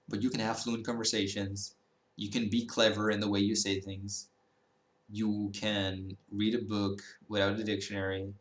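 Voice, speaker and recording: Rambling to camera with plenty of fillers and corrections, a man in his early twenties whose first language is Dutch runs a language-learning YouTube channel. He has a fairly low, slightly bright voice, and the sound is roomy.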